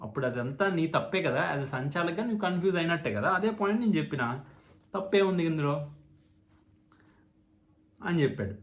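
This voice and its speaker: A man's voice: on the high side, lively intonation, a little fast, long pauses. A man giving casual, opinionated commentary on a reality show, retelling arguments with mocking asides.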